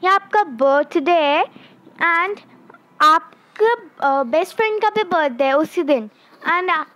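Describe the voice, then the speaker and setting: A young woman explaining grammar in a lesson, slowly and clearly, sometimes acting out example phrases. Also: very high voice, lively intonation, a bit bright. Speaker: teacher.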